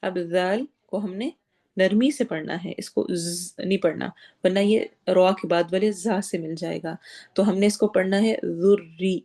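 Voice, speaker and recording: A woman teaching Quran recitation. She explains patiently step by step and draws out each word slowly when she demonstrates it. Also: fairly low pitch, fairly even intonation, mellow.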